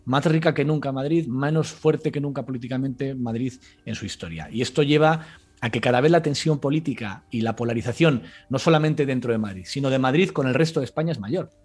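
A man's voice: medium pitch, brisk, breathy edge, faint music behind. A man giving analytical, emphatic commentary on a talk show as a political analyst.

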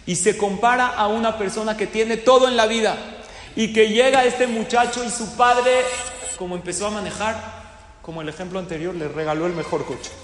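A man giving a sermon to a live audience, telling stories lively and putting questions to his listeners. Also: sits high, moderate pace, a little hiss or hum. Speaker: religious teacher. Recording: echoey hall with long reverb.

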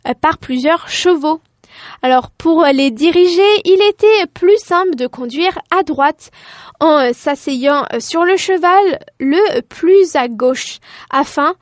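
A woman's voice: very high-pitched, no echo, studio quality. A woman from France hosting a radio show, reading a scripted talk segment with frequent hesitant fillers. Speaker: radio host.

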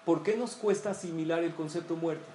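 A man's voice: a little high, fairly quick, mellow, a little hiss or hum. A man giving a sermon, telling a parable and asking his listeners questions. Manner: storytelling, asks and answers questions. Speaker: rabbi giving a talk. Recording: echoey room with faint ambience.

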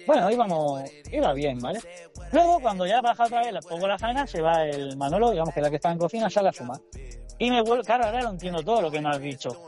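A man with a Spanish accent telling crude work stories in a casual, animated chat. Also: high voice, fast, faint music behind. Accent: Spanish from Spain. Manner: crude, animated storyteller who acts out voices. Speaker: waiter telling anecdotes.

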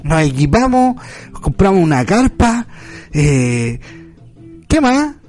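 A Chilean man with a notably high, mellow voice co-hosting a podcast. He chats casually, playful but insistent, leaning on local slang. Soft music plays faintly in the background. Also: big pitch swings, slow. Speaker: podcast co-host. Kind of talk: casual late-night chat.

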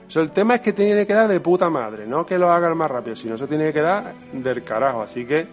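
A man from Spain, co-hosting a casual podcast, telling lively stories about his effects work, swearing freely and laughing often. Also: on the high side, fast, faint music behind. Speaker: podcast co-host, creature effects painter. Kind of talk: casual podcast chat, storytelling.

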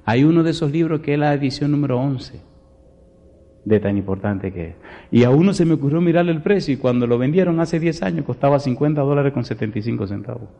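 A man's voice: medium pitch, expressive, fast, vocal fry, warm tone, big-room sound, lo-fi sound. A male pastor preaching a Bible study sermon, emphatic, firing rhetorical questions at his congregation and telling folksy stories from home. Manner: folksy storytelling asides.

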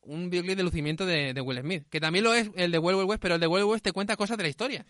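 A man chats casually about films in a high, fast voice. He is lively and acts out the lines he quotes. The sound is close and dry. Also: dry recording. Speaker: podcast co-host. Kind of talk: casual film review chat.

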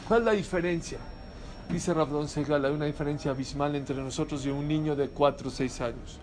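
A man's voice: fairly high pitch, a little fast, darkish tone, a little hiss or hum. A man preaching a sermon as a rabbi, telling stories and asking rhetorical questions with animation.

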